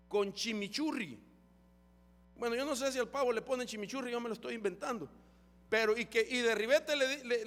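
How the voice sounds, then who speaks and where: A man's voice: extremely high pitch, a bit bright. A man preaching a fervent sermon as pastor, often calling his listeners brother. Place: church hall. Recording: long church hall reverb.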